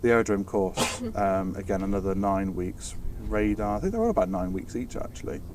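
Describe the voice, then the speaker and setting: A British man with a low-pitched, expressive voice speaks briskly while informally explaining technical air traffic control work in an interview chat. He hesitates and restarts words as he goes. The recording, made on a distant mic, carries faint background noise and ambience.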